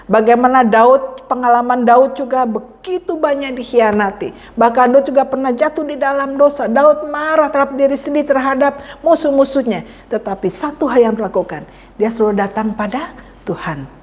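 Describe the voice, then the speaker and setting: In a church with a big-room sound, a woman pastor preaches a sermon in a high-pitched voice at normal speed. She repeats key phrases for emphasis and acts out pleading prayers to God.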